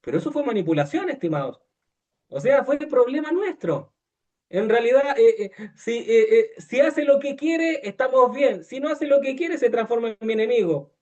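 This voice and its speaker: High-voiced man preaching casually. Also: sing-song, normal speed, a little mellow. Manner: many fillers and restarts, asks listeners questions, acts out quoted voices. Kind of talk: conversational sermon.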